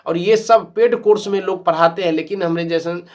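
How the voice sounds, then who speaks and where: Rich: A man with a fairly high voice teaches English spelling rules in an online lesson. He spells each word out letter by letter, asks a question, then answers it himself. He keeps coming back to the same points. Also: moderate pace. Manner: calls viewers "my dear friends".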